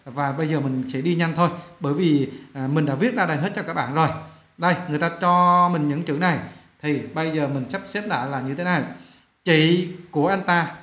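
Male teacher, patient lesson delivery, slightly high voice. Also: a bit bright, reverberant. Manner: slows down to read sentences aloud, fills with "đó" and "à". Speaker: English teacher. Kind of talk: classroom lesson explaining sentence rewriting.

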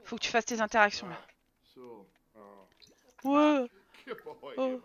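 She speaks slowly in a fairly high voice, tossing out swear-laden, casual remarks while streaming a life-sim game and addressing her characters directly. The audio is dull lo-fi stream sound.

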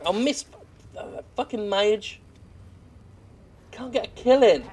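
A man's voice: sits high, slow, darkish tone. A British man giving casual, rambling and self-deprecating gameplay commentary, swearing freely as he plays. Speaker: gamer commentating over gameplay. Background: faint video game action sounds.

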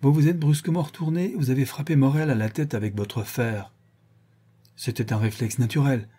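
A man reading an audiobook, voicing a stern, shrewd woman who questions her servants in a measured, deliberate way. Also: medium pitch, fairly even intonation, dark tone, husky, close to an everyday voice. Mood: cold.

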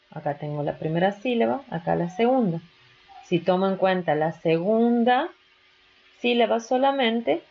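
A woman's voice: mid-range voice, muffled recording. A woman teaching an English grammar lesson, explaining rules step by step and checking in with students. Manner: slow, patient explaining with rising questions to students.

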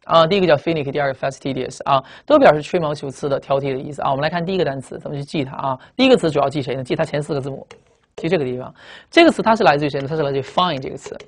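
A teacher giving a classroom vocabulary lecture at a board, emphatic, asking rhetorical questions and spelling words out letter by letter. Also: medium pitch. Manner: spells out letters and drags out target words slowly.

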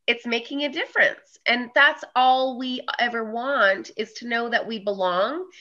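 A woman's voice: fairly high pitch, a little slow. A woman hosting a podcast, speaking in an affirming way and stressing her points through repetition. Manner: warm, affirming, emphatic repetition. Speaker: podcast host. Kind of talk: casual interview chat. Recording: dull lo-fi audio.

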